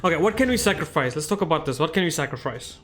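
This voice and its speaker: A man's voice: a little high, animated, quick pace, a bit bright, soft background music. Chatty male gamer thinking aloud. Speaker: game streamer. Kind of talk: casual gameplay commentary.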